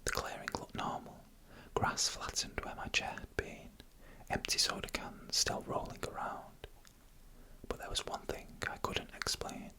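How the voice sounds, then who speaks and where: A narrator of scary UFO encounter stories never rises above a whisper, his breath carrying a bright, crisp edge. The soft, unhurried ASMR delivery is spoken close to the mic for headphone listening, though the recording quality is low.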